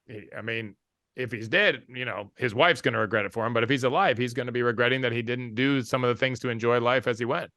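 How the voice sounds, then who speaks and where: A male podcast host with a bright, forceful voice, recorded dry and close. He backs his guest up with quick yeps and rights. His pitch sits in the middle. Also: dry recording. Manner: affirming, frequent "yep" and "right". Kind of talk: casual interview chat.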